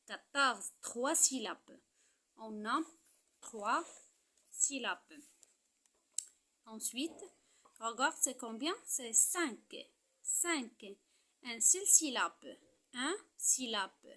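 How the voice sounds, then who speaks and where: Slow, bright-voiced Moroccan woman teaching. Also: fairly high pitch, expressive. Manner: repeats words slowly, stressing syllables. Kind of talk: slow primary-school lesson walkthrough.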